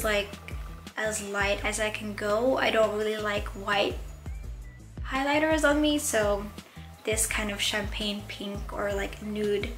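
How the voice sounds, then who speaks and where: A woman's voice: mid-range voice, a bit bright. A young woman vlogger chatting casually through her favourite beauty products, with plenty of ums and likes. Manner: chatty, many fillers like um and like.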